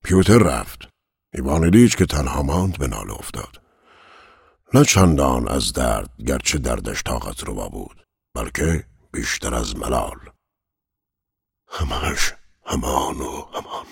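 A man narrating a novel in a measured, solemn way. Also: rumbling low, lively intonation, vocal fry, breathy edge, no echo, studio quality. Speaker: audiobook narrator.

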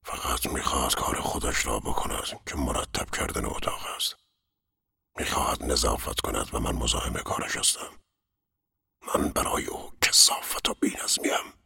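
A man's voice: a bass voice, expressive, gravelly, bright, forceful tone, breathy edge, exaggerated voice. A man voicing a dying middle-aged man in pain, whispering his inner thoughts and giving curt, weary replies. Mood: whispered despair.

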